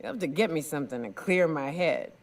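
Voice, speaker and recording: An actress playing a drunk, boastful big game hunter in a video game, with a rambling, tipsy barfly drawl. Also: female voice, low voice, lively intonation, brisk. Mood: tipsy, amused.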